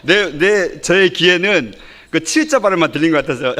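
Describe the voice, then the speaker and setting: Lively Korean pastor preaching. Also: male voice, fairly high pitch, brisk. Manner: lively, colloquial preaching with rhetorical questions to the congregation. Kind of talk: sermon. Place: church sanctuary.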